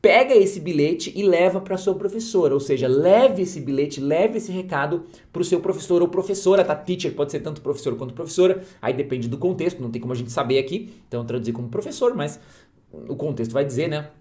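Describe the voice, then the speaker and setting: A man teaching English to learners in a casual online lesson, checking in often with short questions and repeating key phrases slowly. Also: on the high side, expressive, mellow.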